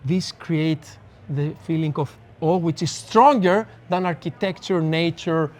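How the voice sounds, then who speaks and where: A man whose voice is on the high side speaks in a steady tone at a measured pace. He is a Greek-accented neuroscientist guesting on a casual podcast, earnest and reflective, explaining things with examples.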